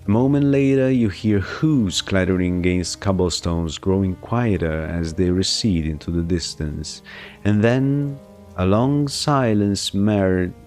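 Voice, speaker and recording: A man streaming a narrative game, reading its text aloud and commenting, often pausing to puzzle over how a word is pronounced. His voice is very deep and gravelly, and soft music plays faintly behind him.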